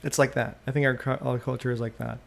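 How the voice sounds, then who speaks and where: A man with a gravelly, fry-edged voice at an ordinary pitch, hosting a solo podcast. He muses out loud, trails off and restarts his sentences. He talks close to a desktop USB microphone. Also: little pitch movement, quick pace, a little hiss or hum. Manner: musing, trailing off and restarting often. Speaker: podcast host. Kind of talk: rambling solo podcast monologue.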